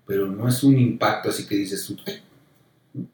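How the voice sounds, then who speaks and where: A man from Mexico with a Mexican accent, a pastor in a casual conversation about faith, animated and repeating himself as he acts out quotes. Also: lowish voice, moderate pace, slight background noise. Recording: very echoey room, distant mic.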